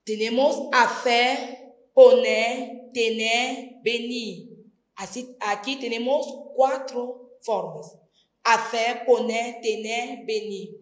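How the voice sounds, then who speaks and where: A woman teaching a distance-learning grammar lesson, slowly and deliberately spelling out each verb form. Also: fairly high pitch, fairly even intonation. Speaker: Spanish teacher. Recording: echoey room.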